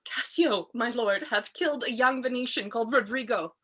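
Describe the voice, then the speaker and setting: A woman acting a fiery, high-voiced loyal maidservant. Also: moderate pace, sharp tone, breathy edge. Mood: hushed dread. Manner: impassioned, declamatory. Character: loyal, outspoken, fiery maidservant to a murdered lady. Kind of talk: Shakespearean tragedy cold read.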